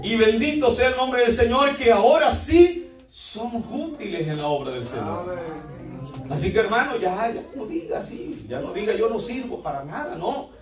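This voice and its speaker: A man's voice: very high-pitched, lively intonation, moderate pace, roomy sound, recorded from a distance, over music. A man preaching a fervent sermon in a church, often addressing the congregation as brothers.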